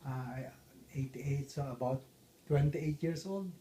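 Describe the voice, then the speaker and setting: A middle-aged man from the Philippines, answering interview questions about his life in a halting way with many fillers. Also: a little high, warm tone, slight background noise. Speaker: interviewee, father.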